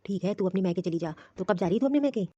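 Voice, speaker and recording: A woman's voice: medium pitch, animated, rapid-fire, warm tone, slight background noise, natural voice. A woman voicing a young married husband in a Hindi cartoon, coaxing and rambling as he pleads. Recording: dull lo-fi recording.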